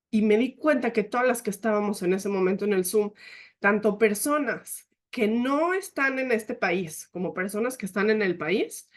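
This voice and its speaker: A woman giving a leadership talk, telling a personal story in an earnest, emotional way. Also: mid-range voice. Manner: often quotes herself and others.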